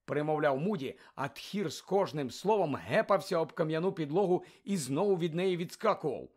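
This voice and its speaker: A man narrating an audiobook in lively storytelling mode, giving each character a voice. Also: a little high, moderate pace. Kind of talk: scripted narration.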